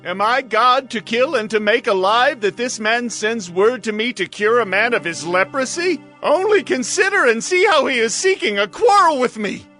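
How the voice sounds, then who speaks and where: A man's voice: extremely high pitch, animated, normal speed, hardly any pauses, bright, forceful tone, faint music behind, pitched above the performer's own voice, full character voice. A man voicing an alarmed, indignant king in a scripture reading, exclaiming in outrage.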